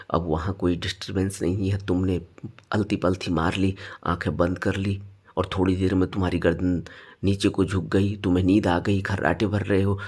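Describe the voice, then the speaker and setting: A man teaching meditation in a spoken dharma talk, stressing points with sudden rises and then dropping low. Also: slightly rough.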